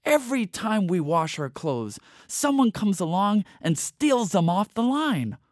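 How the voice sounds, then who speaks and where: Male reader voicing a shrill, outraged crowd in a storybook, much higher than his own voice. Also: big pitch swings, measured pace, no room sound, studio quality. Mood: complaining. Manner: high and outraged. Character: indignant crowd of humans.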